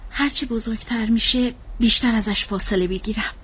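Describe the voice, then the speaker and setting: A high-pitched young mother, played by an actress, who dodges her therapist's questions and snaps back defensively. She sometimes breaks into tears. It is a drama scene. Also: a bit bright, husky. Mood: evasive. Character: troubled young mother fleeing her baby. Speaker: therapy client. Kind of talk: drama dialogue.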